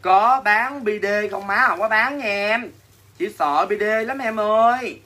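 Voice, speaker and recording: Running a livestream sale, a man with a Southern Vietnamese accent reads viewer comments aloud and answers them with dramatic, teasing, mock-complaining banter. His voice sits high and sounds pushed and bright, his pace unhurried. A faint hiss or hum is audible in this casual selling chat.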